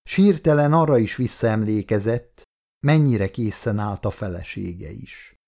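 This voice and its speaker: Brief: male audiobook narrator, low, gravelly, calm and measured.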